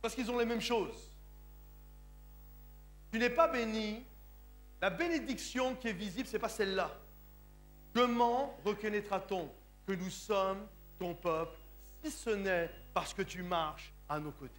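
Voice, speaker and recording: A man from France, son of Sicilian parents, preaches a church sermon emphatically, repeatedly asking "Comprenez-vous?" of his congregation. His voice sits high and a bit bright, at a measured pace with long pauses.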